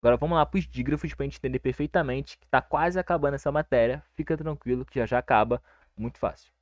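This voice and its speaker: A young Brazilian man teaching a casual grammar lesson, relaxed and reassuring, checking in with his listeners all the time. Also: mid-range voice, fast, no room sound. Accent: Brazilian Portuguese. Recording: dry, dull lo-fi recording.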